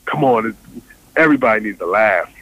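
A man, a stand-up comedian guest, joking with deadpan delivery and lots of fillers. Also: on the low side, fairly quick, no room sound, dull audio. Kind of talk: joking interview banter.

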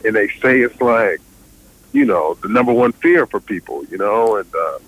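A man, a stand-up comedian guest, joking with deadpan delivery and lots of fillers. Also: mid-range voice, normal speed, gravelly, dull audio. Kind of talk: joking interview banter.

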